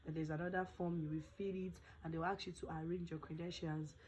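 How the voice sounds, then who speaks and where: A woman's voice: sits low, level tone, fairly quick, a little mellow, a little hiss or hum, rough recording. A young Nigerian woman vlogging casually, chatting with pidgin phrases, her voice not fully recovered. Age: young adult. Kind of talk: casual storytelling vlog.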